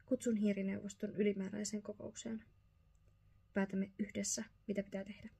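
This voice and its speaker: Fussy, despairing father mouse voiced by a woman, whispered role-play storybook reading, creaky and dark. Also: mid-range voice, flat delivery. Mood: agitated. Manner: exclaiming, despairing. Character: agitated, fussy old male father mouse.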